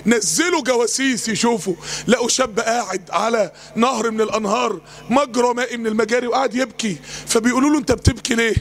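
A man's voice: extremely high pitch, fast talker, a bit bright. A man with an Egyptian accent preaching an impassioned sermon in a chanting cadence. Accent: Egyptian Arabic.

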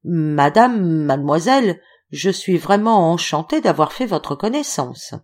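A woman reading an audiobook voices a bewildered, courteous young gentleman who asks flustered questions. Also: fairly low pitch, lively intonation, a little slow.

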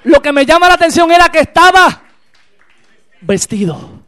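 Very high-voiced impassioned preacher man. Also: fairly even intonation, fast talker, some chatter behind. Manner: impassioned, builds to shouted exclamations. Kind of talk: sermon. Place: church.

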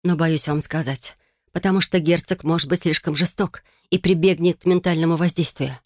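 A reader voicing a young woman heroine who speaks quietly and earnestly, grateful and anxious. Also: low voice, steady tone, moderate pace, dry recording, studio quality.

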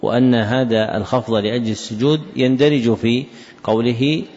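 A man teaching, explaining hadith narrations in short, measured phrases. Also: mid-range voice, fairly even intonation, a little mellow. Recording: dull recording with long hall reverb.

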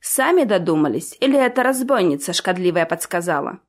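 A woman's voice: lowish voice, sing-song, brisk. A woman voicing a young male prince who speaks with dry skepticism in an audiobook. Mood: skeptical.

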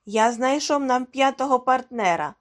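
A woman voicing an eager, bossy young man who leads his friends, speaking loud, pushy and excited. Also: high-pitched, moderate pace, pitched above the performer's own voice.

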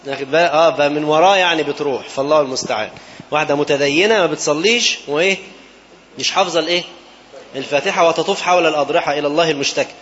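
An Egyptian man delivers a sermon at a rapid clip, his voice pitched a little high. He tells the story while prompting listeners with rhetorical questions. The recording is dull and lo-fi with a faint hiss behind it. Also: fairly bright tone. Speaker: preacher.

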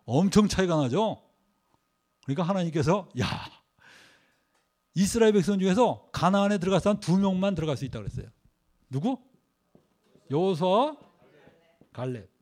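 High-voiced Korean pastor preaching. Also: male voice, lively intonation, moderate pace, long pauses, a little mellow. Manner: rhetorical questions to the congregation; leads group scripture reading. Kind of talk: sermon.

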